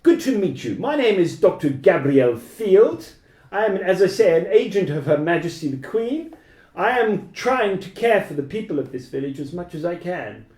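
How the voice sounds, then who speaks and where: A man's voice: sits high, sing-song, moderate pace, darkish tone. A man voicing a suspicious, formal young male plague doctor who asks probing questions in old-fashioned speech. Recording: echoey room.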